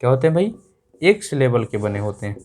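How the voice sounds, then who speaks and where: An English teacher explains grammar in a classroom lesson, turning each point back into a question for his students. His medium-pitched, darkish voice is very animated and brisk.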